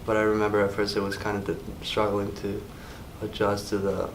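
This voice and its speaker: A young man with a low voice answers interview questions in a flat, even tone. He searches for his words and leans on "like" as he goes. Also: brisk, a little hiss or hum, low-quality recording. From Mexico. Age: young adult. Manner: searching for words, many "like" fillers. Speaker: international student.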